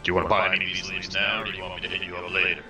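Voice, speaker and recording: A man's voice: low voice, monotone, racing, vocal fry, pushed and bright, reverberant, soft background music, heavily acted. A man playing an easygoing robber selling loot in an online game role-play, casual and agreeable.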